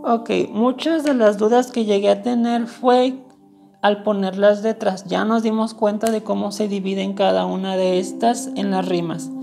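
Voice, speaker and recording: A woman's voice: mid-range voice, steady tone, normal speed, vocal fry, dark tone, faint music behind. A woman explaining a lesson step by step, going over each point carefully and repeating the key words. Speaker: teacher. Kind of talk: screen-recorded lesson.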